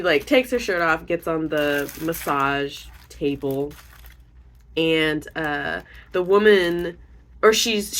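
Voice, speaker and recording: A young woman vlogger casually retelling a novel's plot, rambling with many fillers and acting out characters' lines in quick quotes. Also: on the low side, fairly bright tone, slight background noise. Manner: rambling, lots of likes and ums. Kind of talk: casual book talk.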